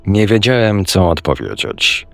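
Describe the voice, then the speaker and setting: A man's voice: on the low side, big pitch swings, unhurried, gravelly, faint music behind. A man narrating a first-person story in an earnest, reflective manner.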